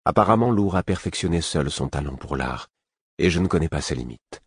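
Deep husky male audiobook narrator. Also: expressive, brisk, dry recording, clean studio sound. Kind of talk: scripted first-person fantasy narration.

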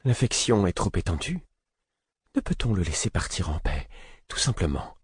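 A man's voice: low-pitched, sing-song, moderate pace, breathy edge, no echo, clean studio sound, pitched above the performer's own voice, full character voice. Weary female healer, resigned tone; male narrator does her. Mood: despairing. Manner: despairing, heavy tone.

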